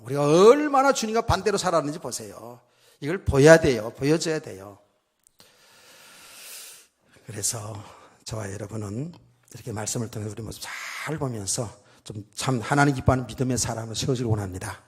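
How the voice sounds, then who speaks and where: A man's voice: medium pitch, animated, a little fast, husky. A middle-aged male pastor preaching a conversational sermon, acting out quoted voices. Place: church sanctuary. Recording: long hall reverb.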